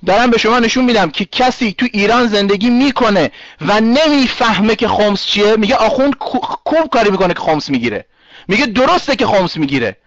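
Brief: high-pitched male chat room host, combative and insistent, dry, dull lo-fi online audio. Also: expressive, a bit bright, dry recording. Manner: argumentative, repeats himself, interrupts callers. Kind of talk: heated online talk room moderation.

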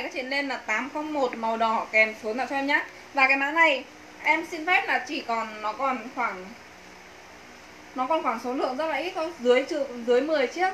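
A Northern Vietnamese woman delivers a persuasive live clothing pitch. Her voice is bright and she talks fast and emphatically. It is picked up by a phone in a small, echoey shop room. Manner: persuasive, emphatic sales patter. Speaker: livestream clothing seller. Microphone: phone a few steps away. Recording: roomy echo, faint background noise.

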